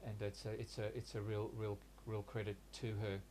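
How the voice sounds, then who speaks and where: An older interviewee, in his sixties, tells the story of his life in a reflective interview. He is from Hungary, grew up in Australia, and learned Hungarian first. His voice is lowish, flat and even, his speech halting and hesitant with many pauses and restarts, and a little hiss or hum is audible.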